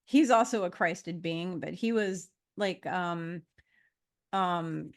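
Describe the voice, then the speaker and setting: A woman's voice: on the low side, takes it slowly. A woman in her fifties speaking as a guest in a casual conversation, meandering along with frequent fillers and restarts. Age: 50s.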